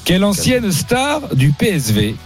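A man's voice: sits high, huge pitch swings, measured pace, soft background music. A man hosting a comic radio quiz, teasing the players with theatrical swings of voice. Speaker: quiz host.

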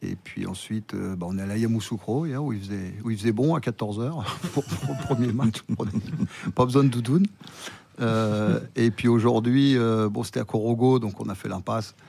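A man, a player agent, talking as a guest on a sports radio show, relaxed and hesitant with fillers. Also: lowish voice, normal speed, gravelly, a little hiss or hum. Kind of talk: casual radio chat.

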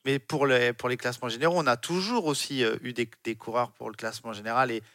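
A man's voice: mid-range voice, quick pace, fairly bright tone, no room sound, clean studio sound. A man in his forties from France, speaking as a cycling pundit on sports radio, emphatic and repeating his words.

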